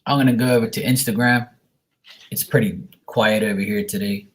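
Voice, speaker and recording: A man's voice: lowish voice, fairly even intonation, fairly quick. Casual, encouraging man chatting on a livestream. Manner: informal, encouraging advice, addresses viewers by name. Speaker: psychic reader and livestream host. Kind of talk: casual livestream chat with viewers.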